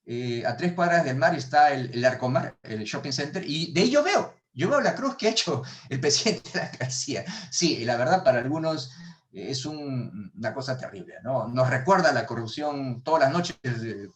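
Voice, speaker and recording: A man's voice: medium pitch, animated, normal speed. A middle-aged man with a Peruvian Spanish accent, giving an economics lecture in a webinar, stumbling over his words and restarting often, heard over a video call. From Peru. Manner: hesitant, many restarts and repeated words. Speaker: economics professor. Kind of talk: webinar lecture answering questions.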